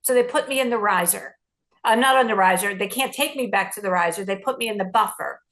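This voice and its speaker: A middle-aged woman journalist recounting a story in an interview, lively and acting out the lines she quotes. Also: medium pitch, quick pace.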